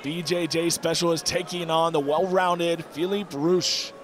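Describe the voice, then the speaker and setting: A man's voice: fairly high pitch, little pitch movement, a little slow, some chatter behind, slight background noise. A man giving live fight commentary as a commentator, with an emphatic delivery.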